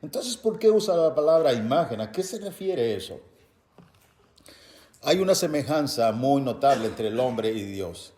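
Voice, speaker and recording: A man preaching a Bible-teaching sermon, reading verses aloud and explaining them to his listeners as brothers, with loud emphatic bursts between quieter explanation. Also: mid-range voice, lively intonation, normal speed. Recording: echoey room.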